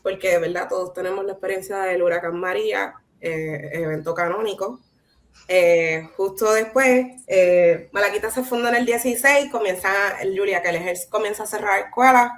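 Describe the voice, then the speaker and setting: A woman's voice: medium pitch, moderate pace. A woman with a Puerto Rican Caribbean Spanish accent speaking reflectively in a conversational artist talk, often checking in with little tag questions. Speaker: visual artist, guest speaker.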